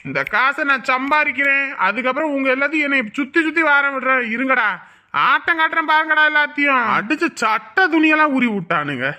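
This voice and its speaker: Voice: sits high, animated, brisk, pushed and bright, full character voice. A performer playing a bitter, angry husband who mutters threats and bosses his sick wife around. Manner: harsh, bossy, muttering threats.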